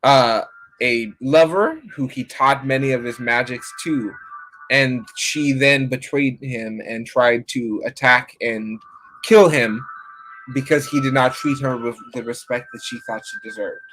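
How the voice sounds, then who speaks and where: A man speaks at an ordinary pitch, giving a loose, rambling reading on a live stream and calling out to his viewers by name. A faint hum sits behind his voice. He drifts from point to point in plain, casual talk. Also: a little slow, a bit bright, rough recording. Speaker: online rune reader.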